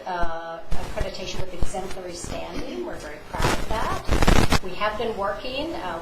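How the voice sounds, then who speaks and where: A woman executive with a cold, her voice stuffy and congested, presenting plans to a town council with many ums and uhs. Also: lowish voice. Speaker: hospital president and CEO. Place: council chamber. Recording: echoey chamber with room noise.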